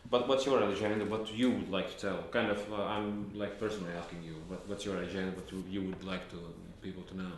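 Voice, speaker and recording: A man's voice: low-pitched, fairly even intonation, slight background noise. Hesitant man asking questions, echoey room. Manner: hesitant, halting, many fillers and restarts. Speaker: interviewer. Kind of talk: casual interview questions.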